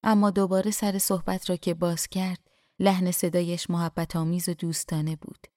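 A woman narrates an audiobook in a calm, even storytelling voice. Her tone is warm and somewhat low. The recording is dry and close, with no room sound. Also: no room sound.

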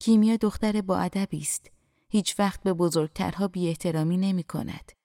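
A man's voice: high-pitched, dark tone, dry recording, clean studio sound. A woman voicing a flustered, apologetic father who hurries to excuse his daughter in an audiobook.

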